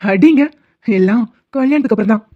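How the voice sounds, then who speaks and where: A woman voicing a teasing, doting young husband in an animated cartoon who worries easily. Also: fairly high pitch, brisk, dry recording, highs cut off. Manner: teasing, fussing, affectionate.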